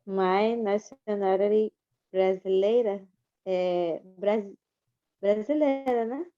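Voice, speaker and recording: Hesitant woman student on a class call, slow and tentative, dull sound. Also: mid-range voice. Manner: hesitant, guessing answers. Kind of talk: online class.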